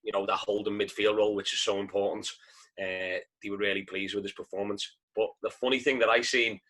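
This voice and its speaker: A man's voice: fairly low pitch, little pitch movement, brisk, a bit bright, poor audio. A man chatting about football on a podcast in an easygoing way, often tagging questions onto his points. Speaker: podcast panelist. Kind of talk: casual football chat.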